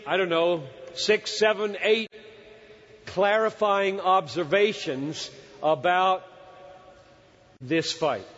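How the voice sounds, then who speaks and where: A man in his sixties preaching a sermon in an earnest, emphatic way, often pausing to search for words. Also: on the high side, a bit bright. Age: 60s. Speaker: pastor. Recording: dull hall recording with long reverb.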